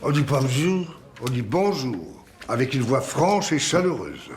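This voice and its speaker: An actor playing a gruff older retiree who coaches a young man in boxing, blunt and commanding. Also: medium pitch, very animated, normal speed. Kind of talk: film dialogue.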